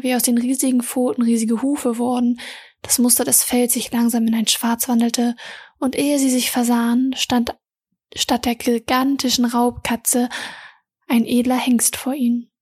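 A woman reading her own fantasy story aloud, narrating softly and often half-whispering. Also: fairly high pitch, flat delivery, moderate pace, husky. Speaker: reader and author.

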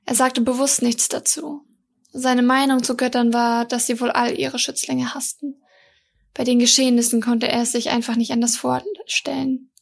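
A woman reading a fantasy story aloud in a calm, even storytelling manner. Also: a little high, moderate pace, creaky, slightly rough. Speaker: audiobook reader.

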